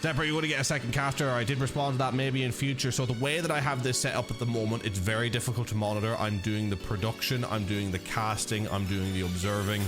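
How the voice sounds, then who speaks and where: Irish man, esports caster, live stream, lively and joking, chatty with viewers, mid-pitched voice, faint music underneath. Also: fast talker, few pauses.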